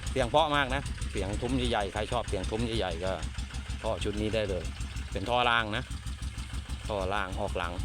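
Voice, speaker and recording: Older farmer chatting in a corn field. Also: male voice, fairly low pitch. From Thailand. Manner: rambling, unhurried, repeats himself. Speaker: farmer vlogger. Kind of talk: casual on-site vlog. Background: idling engine.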